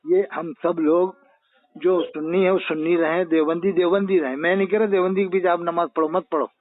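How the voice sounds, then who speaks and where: A man's voice: sits high, steady tone, fairly quick, dry recording. A man arguing heatedly over the phone, firing off rhetorical questions. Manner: argumentative, fires rhetorical questions. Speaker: religious debater. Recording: tinny phone line, dry.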